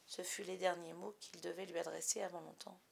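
Woman reading a storybook, measured. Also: lowish voice, gravelly. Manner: measured, expressive. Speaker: narrator.

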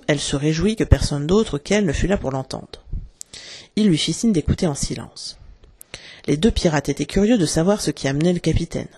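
A narrator reading a classic children's adventure aloud with lively, dramatic expression. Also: medium pitch. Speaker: audiobook narrator.

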